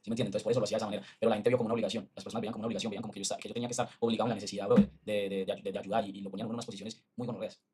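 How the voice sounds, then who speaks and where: Fast-talking husky Medellín streamer guy. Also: lowish voice, flat delivery, a little mellow. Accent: Medellín Colombian Spanish. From Colombia. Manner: fast, heated, slangy, full of restarts. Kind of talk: casual stream rant.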